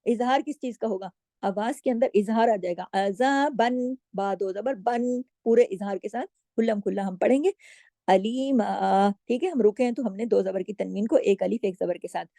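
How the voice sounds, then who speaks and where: A woman teaching Quran recitation rules to female students, explaining each letter patiently and drawing out the recited words slowly. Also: mid-range voice, vocal fry, dark tone, no echo. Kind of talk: tajweed lesson.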